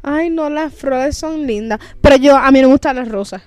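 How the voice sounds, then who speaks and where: Puerto rican girl w high voice, casual podcast chat in spanglish, dry recording. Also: moderate pace, a little mellow, no echo. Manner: Spanglish, dropping English words into Spanish. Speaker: podcast co-host.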